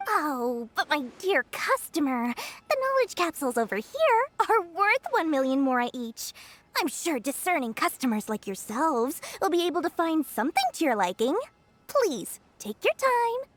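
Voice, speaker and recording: Greedy young game merchant, high, lively, sugary sales pitch. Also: female voice, normal speed, dry recording. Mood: flattering. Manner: smooth salesy flattery.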